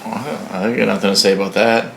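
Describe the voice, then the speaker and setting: A man's voice: fairly low pitch, little pitch movement, racing, gravelly, a bit bright, roomy sound, slight background noise. A man co-hosting a comedy podcast, blunt and wry, often sounding exasperated in casual banter. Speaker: podcast co-host.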